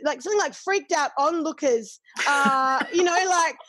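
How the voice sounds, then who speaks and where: A woman's voice: high voice, moderate pace, sharp tone, no echo. A middle-aged Australian woman chatting candidly, swearing freely and acting out what others said. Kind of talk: casual chat.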